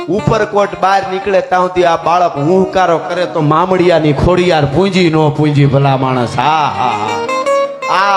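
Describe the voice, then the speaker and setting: Kathiawadi folk storyteller with music. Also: male voice, a little high, echoey room. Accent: Kathiawadi Gujarati. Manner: chatty, humorous asides to the audience.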